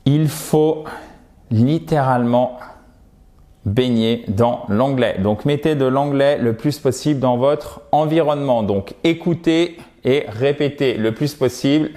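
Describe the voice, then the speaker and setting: This French-accented man, with a mid-range voice and a slightly slow pace, gives a casual spoken lesson on English pronunciation. He stays lively, overdoes the sounds on purpose, and keeps checking that his learners are following.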